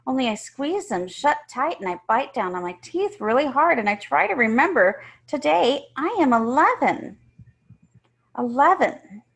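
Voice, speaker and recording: A woman reads a first-person children's story aloud, emphatically acting out the characters and their feelings. Her high voice is sing-song and measured, with a creaky, slightly rough texture.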